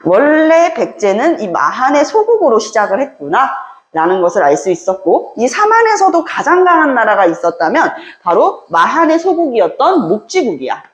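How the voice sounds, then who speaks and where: Animated woman teaching history, echoey room. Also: on the high side, normal speed. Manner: lively storytelling, acting out characters in quoted voices. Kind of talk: animated classroom lecture with acted-out dialogue.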